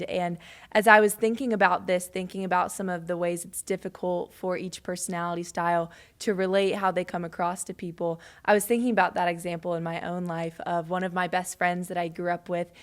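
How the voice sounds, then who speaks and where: A woman's voice: fairly low pitch, flat delivery, fairly quick. A woman co-hosting a ministry podcast, explaining things conversationally. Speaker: podcast co-host. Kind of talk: casual ministry podcast discussion.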